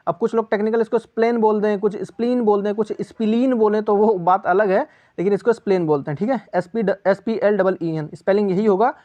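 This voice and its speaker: Fast and high-pitched with a dark tone, this exam-prep teacher keeps his quiz lesson casual and chatty. He asks viewers for answers and goes over each key answer again as a question and its reply.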